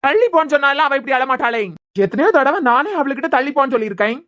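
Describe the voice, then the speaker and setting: A woman's voice: sits high, racing, a bit bright. A woman voicing a stern young cartoon father. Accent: Kanyakumari Tamil. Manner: scolding, firm. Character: stern young father defending his daughter.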